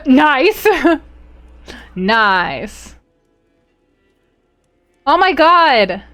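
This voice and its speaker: A woman's voice: sits high, big pitch swings, very slow, a bit bright, soft background music. A woman streaming a strategy game live. She reads the event text aloud, reacts with playful exclamations and talks to her chat.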